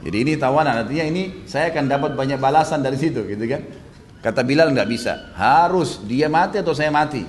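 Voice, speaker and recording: A man's voice: fast talker, slight background noise. A man preaching a sermon in a casual storytelling way, acting out the quoted lines with a raised voice and dropping back after each. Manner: lively, acts out quoted lines with raised pitch; casual with frequent tag phrases. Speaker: Islamic preacher.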